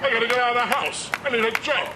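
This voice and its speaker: A man's voice: very high-pitched, quick pace, heavy background noise. A man making a brash, jokey audition tape. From Brooklyn, New York. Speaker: correspondent applicant.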